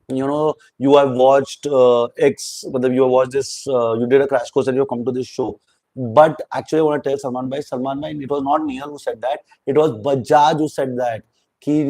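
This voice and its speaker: A man's voice: mid-range voice, darkish tone, dry recording, rough recording. A man giving a rambling, opinionated spoken review of a reality show, mixing in Hindi words.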